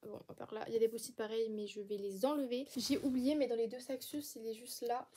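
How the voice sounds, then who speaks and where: A woman's voice: fairly high pitch, steady tone, brisk, warm tone, a little hiss or hum. A young woman, chatting casually to viewers while sorting her bookshelves. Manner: chatty, rambling, talks to viewers while working. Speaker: book vlogger. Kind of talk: casual chat while tidying shelves.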